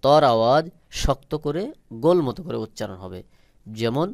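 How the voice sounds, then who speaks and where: A man's voice: medium pitch, very animated, moderate pace, vocal fry, no echo, clean studio sound. A man teaching Quran letter pronunciation, patiently repeating and stretching out each sound. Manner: patient, instructive. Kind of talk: slow step-by-step pronunciation lesson.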